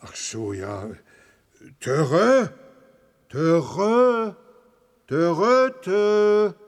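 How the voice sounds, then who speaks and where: An actor voicing a kind, good-natured talking elephant who trumpets in elephant talk. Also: male voice, sits high, big pitch swings, extremely slow, heavily acted. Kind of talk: audio drama acting.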